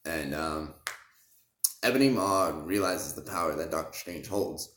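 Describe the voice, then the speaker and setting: A young man casually recapping a movie plot, rambling with fillers and throat-clearing, with sudden excited bursts. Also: a bass voice, unhurried, roomy sound, slight background noise. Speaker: movie reviewer.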